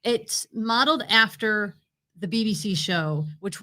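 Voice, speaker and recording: Co-hosting a TV review show, a woman with a mid-range, pushed, bright voice presents a ranked list at a measured pace. The chat is casual and unscripted, and she's opinionated and emphatic.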